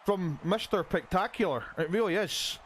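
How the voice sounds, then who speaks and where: A man giving excitable play-by-play commentary on a wrestling video game, often restarting his sentences. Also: sits high, normal speed, slight background noise.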